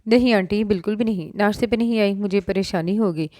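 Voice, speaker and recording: A woman's voice: medium pitch, fairly quick, dark tone, no room sound, lightly acted. Lady doing a scared young teacher, stammery and pleading, dry sound. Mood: flustered. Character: young woman teacher, frightened and flustered.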